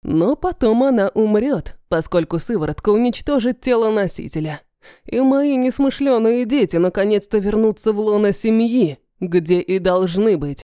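A woman voicing a cruel, mocking ancient male dragon lord who talks slowly and menacingly. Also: medium pitch, expressive, warm tone, smooth, dry recording, studio quality, natural voice. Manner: slow, sneering, menacing.

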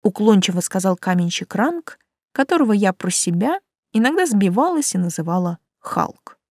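A woman narrates a first-person audiobook with an animated, sweeping pitch. The reading is expressive, recorded close and dry with no room sound. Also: normal speed, dry recording.

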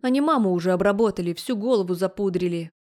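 A woman's voice: mid-range voice, fast, a little mellow, lightly acted. Sarcastic young heroine, snappy and defiant, a woman reading her lines. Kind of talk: audiobook character voice.

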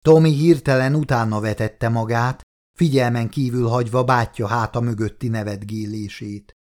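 A man reading an audiobook in a steady, dramatic storytelling manner. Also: medium pitch. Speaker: audiobook narrator. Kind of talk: scripted audiobook narration.

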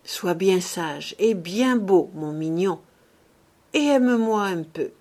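A woman reading the part of an awkward, evasive gentleman father in an audiobook. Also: lowish voice, animated, takes it slowly. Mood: tender.

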